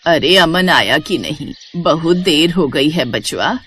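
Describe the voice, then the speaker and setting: A woman's voice: low-pitched, expressive, slow, a bit bright, a little hiss or hum, pitched below the performer's own voice, full character voice. A woman voicing a caring older village mother in a cartoon story, scolding her sons with affection. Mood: fussing.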